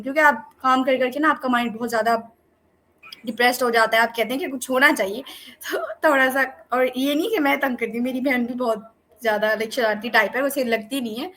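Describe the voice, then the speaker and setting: A woman's voice: high-pitched, a bit bright. A young woman from Pakistan, a student guest on an online interview call, talking casually and playfully with lots of fillers and self-corrections. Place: online video call from home. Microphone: computer or phone mic on a call.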